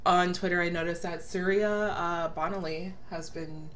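Woman co-host, casual podcast banter, low-pitched and bright, laughs easily. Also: steady tone, normal speed, a little hiss or hum. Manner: chatty, laughs often, trails off with fillers. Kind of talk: casual chat.

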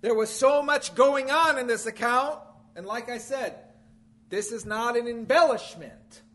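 A man preaching a sermon in an unusually high, bright voice, taking it slowly and deliberately. He hammers points through repetition, rising to loud declarations and sinking to low, quiet endings.

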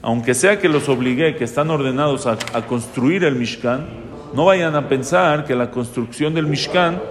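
A man's voice: mid-range voice, moderate pace, soft background music. A man, a rabbi, teaching a Torah lesson to a live audience, reading Hebrew verses and translating them, often asking and answering his own questions. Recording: reverberant hall.

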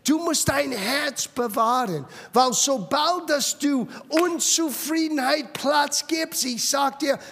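High gravelly-voiced preacher man. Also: slow, hardly any pauses, fairly bright tone, long reverb tail. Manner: emphatic, mixes English words into German. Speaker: pastor. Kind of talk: sermon. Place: church sanctuary.

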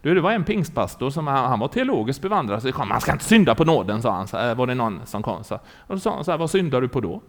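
A man preaching a sermon, telling a story with animated delivery and often asking the congregation if they are following. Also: medium pitch, few pauses.

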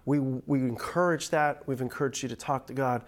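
A middle-aged pastor delivers a pre-recorded online church message in a conversational, upbeat and joking way. His mid-range voice, at normal speed, sounds a little nasal from a cold.

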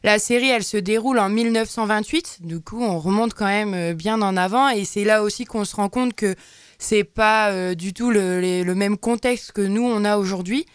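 A woman presenting a TV series review on a radio show, hesitant and filling pauses with many fillers. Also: medium pitch, smooth, dry recording, studio quality.

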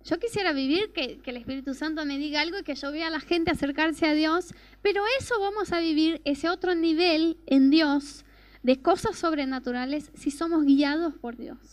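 A woman's voice: high voice, normal speed, no room sound. A woman preaching a personal testimony sermon, telling the story earnestly and asking rhetorical questions.

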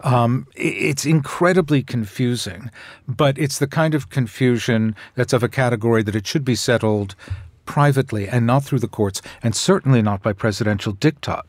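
A man's voice: mid-range voice, normal speed, no echo. An American-raised man in his sixties, talking casually as a wry, opinionated guest on a political panel. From United States. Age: 60s.

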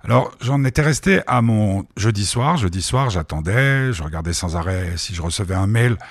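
A man's voice: fairly low pitch, animated, moderate pace, breathy edge, no echo, studio quality. A middle-aged man, hosting a radio show and telling a personal story in a casual, rambling way, full of hesitations and restarts. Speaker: radio host. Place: home studio during quarantine.

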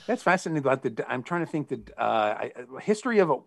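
A man's voice: medium pitch, sing-song, fast talker, gravelly, no echo. An Australian man co-hosting a podcast in casual chat, joking and often hesitating as he searches for words. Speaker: podcast co-host.

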